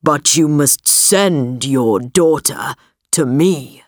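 A woman voicing a huge male beast in a storybook reading, with slow, weighty lines. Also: low-pitched, no echo, clean studio sound, pitched below the performer's own voice, heavily acted. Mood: stern. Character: gruff huge male beast, fierce then gentle.

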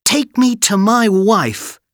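An eager young storybook hero, high-pitched and lively, as a man reads him out. His lines leap up in pitch with excitement, and the recording sounds dry and close. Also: takes it slowly, dry recording, exaggerated voice. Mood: urgent.

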